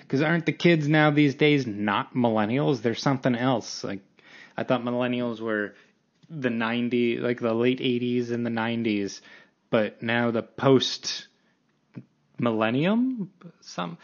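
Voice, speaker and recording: A man's voice: medium pitch, muffled recording. A man in his late twenties hosting a solo podcast, rambling casually and self-deprecatingly with frequent restarts. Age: 20s. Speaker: podcast host.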